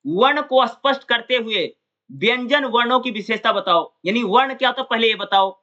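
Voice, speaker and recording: A man teaching an exam-prep lecture, repeating points and quizzing his listeners with quick questions. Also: very high-pitched, expressive, sharp tone. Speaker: exam tutor. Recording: dull lo-fi sound.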